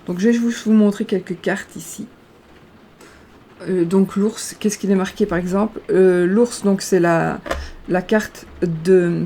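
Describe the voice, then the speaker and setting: A woman's voice: medium pitch, warm tone, slight background noise. A woman reading fortune cards aloud in a casual tutorial, hesitant and stumbling over her words. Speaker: card reader.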